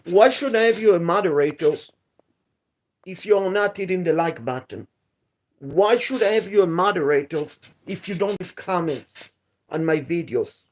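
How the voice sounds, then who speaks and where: A man's voice: sits high, expressive, moderate pace. A man hosting a live stream outdoors at night, talking in a repetitive, aggrieved, lecturing way. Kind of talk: casual live stream talk. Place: outdoors at night near a pool.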